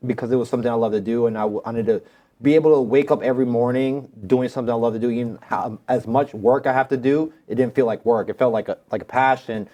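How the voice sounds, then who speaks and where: A man in his thirties with a mellow, medium-pitched voice shares casual stories as a podcast guest. He's a tattoo artist from the United States, and his speech is informal and slangy, with some swearing.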